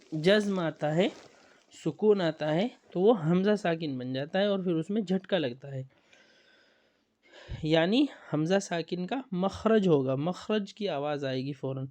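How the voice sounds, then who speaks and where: A man's voice: on the high side, darkish tone. A man teaching Quran recitation rules in an online lesson, patiently repeating points and checking that students follow. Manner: patient, repetitive, checks understanding with tag questions. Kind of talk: online lesson explaining on-screen examples.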